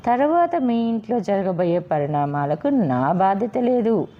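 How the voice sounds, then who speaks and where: A woman's voice: mid-range voice, big pitch swings, a little slow, voice pushed up. A woman voicing a meek, henpecked husband who talks with a sly, sarcastic edge, on a slightly dull recording. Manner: pleading, then sarcastic. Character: meek henpecked husband, cheeky when free.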